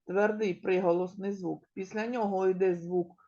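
A woman kindergarten teacher with a Ukrainian accent gives a slow, clearly articulated literacy lesson, stretching out key words and asking the children questions. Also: mid-range voice, fairly even intonation, mellow, highs cut off. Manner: addresses children directly and asks them questions. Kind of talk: recorded preschool literacy lesson.

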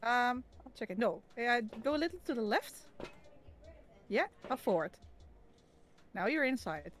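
Girl gaming w friends, really high voice that swoops around, slow and giggly, music faint. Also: sing-song. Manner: giggly, gives directions. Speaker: co-player. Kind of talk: casual gaming chat.

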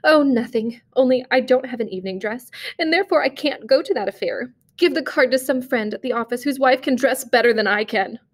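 A woman's voice: sits high, fairly quick, hardly any pauses, pitched above the performer's own voice. A woman voicing a discontented young wife who longs for luxury, speaking in a plaintive, bitter tone in a storybook reading.

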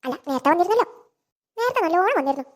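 A woman voicing a scheming, sharp-tongued young mother in an animated cartoon, taunting and bickering. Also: extremely high pitch, very fast.

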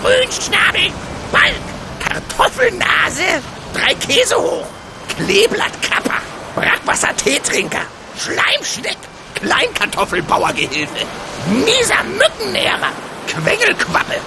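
A tiny bearded leprechaun for a video game, cranky and mischievous. He is very high-pitched and swoops wildly as he scolds theatrically, with clear ambient noise behind him. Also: wildly swooping pitch, slow, exaggerated voice. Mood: insulting. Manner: scolding, theatrical, full of quaint insults.

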